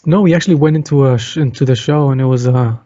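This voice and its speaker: A man's voice: mid-range voice, quick pace, mellow, highs cut off. A man co-hosting a podcast, telling a story in easygoing casual chat. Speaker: podcast co-host.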